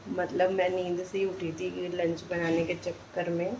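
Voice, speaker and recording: A young woman chatting casually at home in a vlog, talking slowly and softly as she wakes up. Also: lowish voice. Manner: sleepy, slow and soft-spoken. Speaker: vlogger. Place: dim home at morning. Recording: steady background noise. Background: rain.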